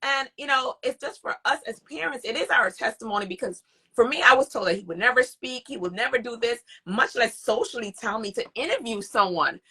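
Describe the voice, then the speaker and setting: This woman hosts a podcast interview with a high, slightly husky voice. Her delivery is bright and sharp, and her pitch swoops widely as she laughs through an excited story. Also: a little fast. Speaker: podcast host. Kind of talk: conversational interview.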